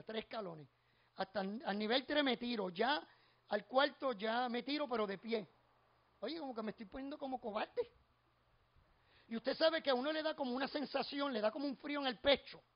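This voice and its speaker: A middle-aged man with a Puerto Rican accent preaches with a strikingly high voice. He tells homely stories and climbs into fervent, repeated refrains. The recording sounds dull and lo-fi. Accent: Puerto Rican Spanish. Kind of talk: expository sermon with personal stories.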